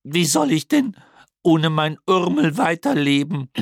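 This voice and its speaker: A man reads a storybook in a full character voice, pitched above his own, as a fretful, motherly female pig who laments in a drawn-out, wailing way. The delivery is fairly high and sing-song, with a clean studio sound and no room echo.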